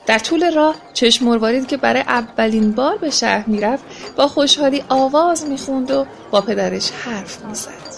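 Gentle, higher-voiced woman storyteller. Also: vocal fry, a little hiss or hum. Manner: gentle, expressive reading. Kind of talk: children's story narration. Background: faint music.

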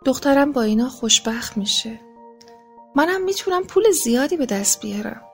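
A woman's voice: sits high, animated, faint music behind. A woman voicing a poor, worried father in a children's storybook, speaking in a hesitant, troubled way.

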